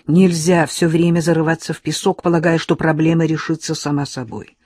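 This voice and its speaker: A woman reading an audiobook, voicing a stubborn, composed male investigator who speaks calmly and firmly. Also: low-pitched, fairly quick, no room sound.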